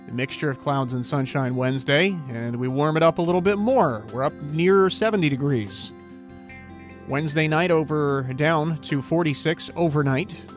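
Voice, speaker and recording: A man hosting a local radio call-in show, talking in a smooth, easygoing radio host manner into a studio microphone. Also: on the high side.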